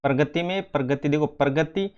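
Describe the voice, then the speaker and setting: A male teacher coaching students for an exam, his voice sitting a little high for a man. He drills each word by saying it over and over, turning to his students as friends. The sound is dull and lo-fi. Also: normal speed.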